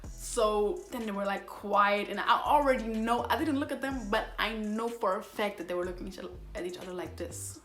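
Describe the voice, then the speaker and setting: Young female vlogger, animated storyteller, roomy echo, light background music. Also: medium pitch, a little fast. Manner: animated, heavy use of "like", voice rising when angry. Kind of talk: storytime vlog. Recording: echoey room with faint music.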